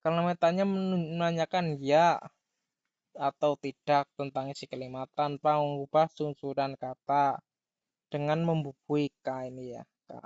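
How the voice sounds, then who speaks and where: A man giving a grammar lesson, who talks slowly, repeats key words and reads example sentences aloud. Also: a little high, steady tone, darkish tone, smooth, dry recording. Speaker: language teacher. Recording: dull lo-fi dry sound.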